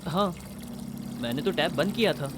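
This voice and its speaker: Man voicing easygoing young guy, slightly raised pitch. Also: animated, moderate pace, background noise, lightly acted. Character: easygoing young male student. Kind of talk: Hindi film dub acting.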